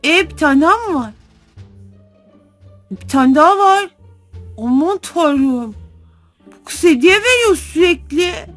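Very high-pitched excitable woman gamer. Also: slow pace, long pauses, soft background music. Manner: excitable, gushing, exclamatory, talks to viewers as friends. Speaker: gaming channel host. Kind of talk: casual gameplay commentary.

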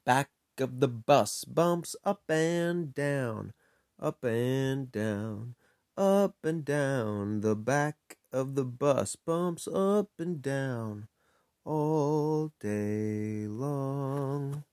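A storybook reader chanting a picture book in a sing-song voice, stretching the end of each line. The pace is very slow and the voice is mellow and dark. The sound is dry and close. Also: mid-range voice, animated, no room sound. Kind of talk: slow sing-along read-aloud.

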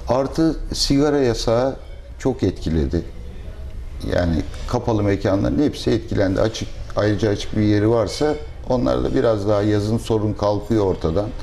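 Speaking through a lapel mic in his restaurant's dining room, a middle-aged owner gives measured, thoughtful interview answers punctuated by pauses and fillers. His voice is fairly low, gravelly, and warm, with a little hiss or hum.

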